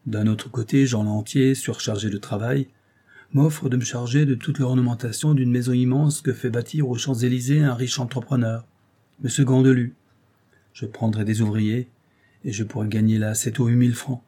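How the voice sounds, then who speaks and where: A man's voice: mid-range voice, fairly even intonation, normal speed, mellow, close to an everyday voice. A man reading an audiobook, voicing a passionate, anxious young painter who speaks impassioned and anguished. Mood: explaining.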